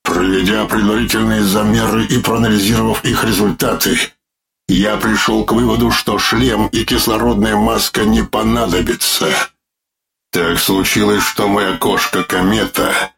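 A male narrator voicing a severed living head that speaks in a droning, metallic, gravelly voice, slow, pained and coldly mocking. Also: little pitch movement. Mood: grim. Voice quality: droning metallic voice, lacking naturalness; gravelly, low. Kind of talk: audiobook character voice.

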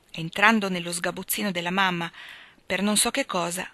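A woman reading a classic novel aloud as an audiobook, with steady, expressive narration. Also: medium pitch, no echo. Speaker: reader.

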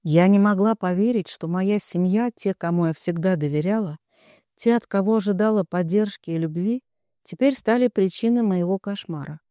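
Male audiobook narrator, emotional first-person reading, high, dry voice. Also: normal speed, warm tone, clear, resonant tone, no room sound. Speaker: audiobook reader.

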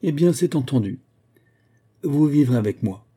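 A kind older lady speaks calmly and with gentle firmness, as a man reads her part. Her tone is very dark and mellow, with a husky edge. She is a storybook benefactor, sure of herself. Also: mid-range voice, normal speed, pitched above the performer's own voice. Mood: kindly. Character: kind older woman, calm and firm benefactor.

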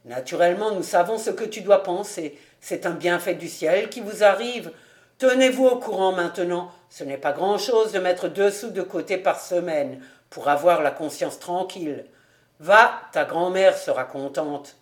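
A woman voicing a serious middle-aged male tax collector who speaks loudly and emphatically, lecturing. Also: fairly low pitch, moderate pace, lightly acted. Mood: grave, lecturing.

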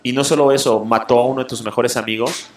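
A man's voice: medium pitch, steady tone, fast, reverberant. A man, giving a casual film critique and stressing points by repeating words. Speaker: comics show host.

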